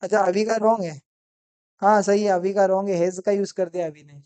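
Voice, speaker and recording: A man teaching an English class live online from a mobile phone, slowly repeating each sentence, calling out students by name and praising their answers. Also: high-pitched, steady tone, mellow, clean tone.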